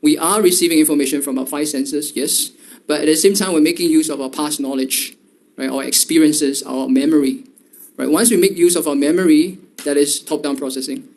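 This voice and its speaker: A man's voice: on the high side, a little fast, a little mellow. A male lecturer giving a university lecture, talking in a loose way full of fillers and repeated "right?" checks.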